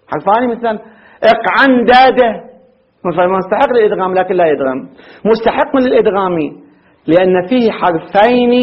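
A man teaching an Arabic grammar lesson. He asks questions and answers them himself, and he repeats words slowly with halting restarts. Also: sits high, highs cut off. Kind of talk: classroom lecture.

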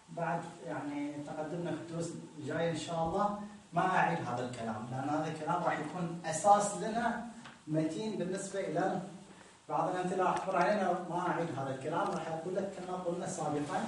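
A man's voice: on the high side, recorded from a distance, slight background noise. A man teaching a grammar lesson, patiently repeating each point and reading passages aloud from a text. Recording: very echoey room, voice from off the mic.

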